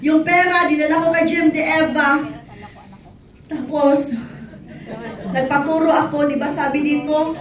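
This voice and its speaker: A woman's voice: high voice, fairly even intonation, measured pace, long pauses. A middle-aged woman giving a personal testimony to an audience, telling her story with laughter and acted quotes. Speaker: testimony speaker. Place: event hall. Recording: echoey hall from far off, audience faintly behind.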